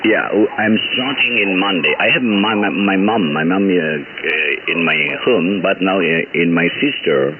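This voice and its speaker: Man over a static-filled shortwave radio. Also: deep voice. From Indonesia. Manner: halting broken English with repeated words. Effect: heard over shortwave radio with static. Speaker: ham radio operator. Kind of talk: casual radio contact chat. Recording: tinny radio line with loud static.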